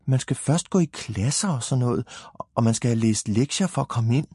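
A man voicing a proud, know-it-all little girl in a storybook reading, explaining with a husky voice. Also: medium pitch, animated, warm tone, dry recording, studio quality.

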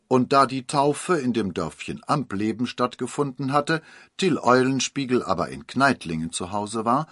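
Husky, playful male storyteller. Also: mid-range voice, fairly bright tone, no echo, clean studio sound. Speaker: narrator. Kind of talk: children's audiobook narration.

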